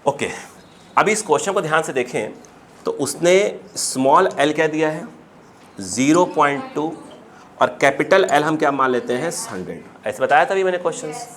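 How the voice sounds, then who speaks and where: A man's voice: fairly high pitch, lively intonation, a bit bright. Man teaching a physics class. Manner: dictates slowly, then explains fast and chatty. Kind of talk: classroom lecture.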